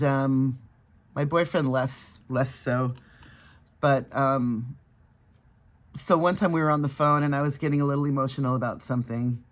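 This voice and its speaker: A woman chatting casually to her viewers while doing her makeup, laughing often and dropping into soft asides. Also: rumbling low. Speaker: makeup vlogger. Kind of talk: casual makeup vlog chat.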